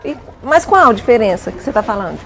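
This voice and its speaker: A Brazilian woman teaching a class of pupils, patiently asking guiding questions and filling her pauses. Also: fairly high pitch, sing-song, a little hiss or hum. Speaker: schoolteacher.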